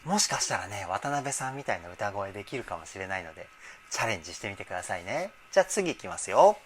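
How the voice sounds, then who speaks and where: Speaking quickly in a somewhat low voice, a male vocal trainer gives an easygoing, energetic analysis of the singing in a music video. Excited interjections keep popping up in his explanation.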